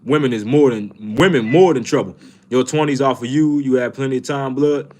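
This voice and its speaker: A man's voice: mid-range voice, a little fast, darkish tone. A man, chatting casually on a livestream, reading viewer comments, swearing and repeating himself. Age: 20s. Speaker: fragrance livestream host.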